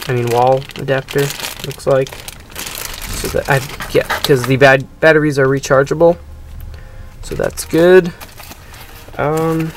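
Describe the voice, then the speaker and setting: Sitting at a table indoors, a young man hosts a gadget unboxing video, narrating casually in a slightly high voice. He rambles and hesitates, filling gaps with lots of ums. The audio is poor, with a faint hiss or hum.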